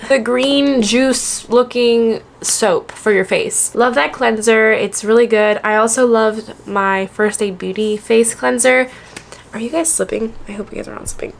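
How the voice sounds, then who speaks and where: A woman's voice: a little high, gravelly, slight background noise. A young woman from Alabama, chatting casually through a makeup tutorial, rambling and correcting herself as she goes. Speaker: beauty vlogger. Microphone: camera on a makeshift tripod.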